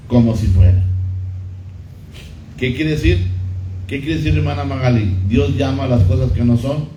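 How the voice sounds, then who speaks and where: A middle-aged pastor preaching a sermon, who repeats key phrases and puts questions to the congregation. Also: male voice, mid-range voice, dark tone, slight background noise. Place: church hall. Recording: muffled echoey church recording.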